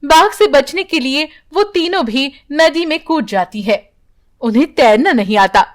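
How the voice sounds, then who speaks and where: Woman storyteller, high voice, slow measured narration. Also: lively intonation. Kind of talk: scripted narration.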